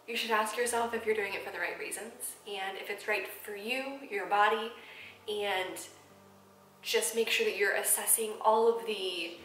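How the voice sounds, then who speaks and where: A woman's voice: medium pitch, fairly bright tone, roomy sound, a little hiss or hum, rough recording. A woman in her twenties, speaking candidly and emotionally to camera in a personal vlog, with frequent ums and restarts. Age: 20s. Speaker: vlogger. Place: apartment room.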